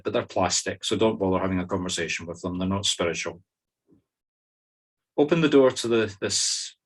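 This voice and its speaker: In a fairly low voice, a man with a Scottish accent leads a group through meditation. He offers simple, informal instructions step by step, keeping things conversational and dropping in wry, humorous asides.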